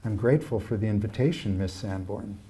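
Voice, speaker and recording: A man's voice: lowish voice, brisk, warm tone, close to an everyday voice. A man voicing a reserved young saleswoman who speaks politely, with guarded, dry wit.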